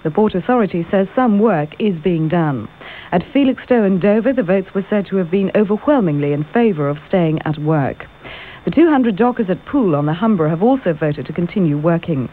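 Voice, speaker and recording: A woman newsreader delivering a radio news bulletin in a brisk, even, formal reading style. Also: lowish voice, a little hiss or hum. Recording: tinny, narrow-band off-air radio recording.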